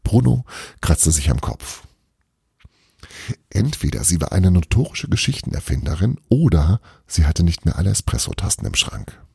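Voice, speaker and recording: Deep, gravelly man reading a story. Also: moderate pace, no room sound, studio quality. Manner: expressive, lively storytelling. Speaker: narrator.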